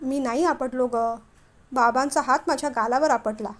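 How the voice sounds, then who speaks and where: A woman's voice: high voice, normal speed, close to an everyday voice. Woman doing a sulky, snappish young husband. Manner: snappish, sarcastic.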